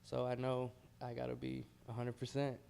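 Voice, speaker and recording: A man's voice: medium pitch, completely flat delivery, moderate pace, gravelly, mellow, clean tone. An American man, a heavyweight boxer, talking casually and modestly in a pre-fight interview.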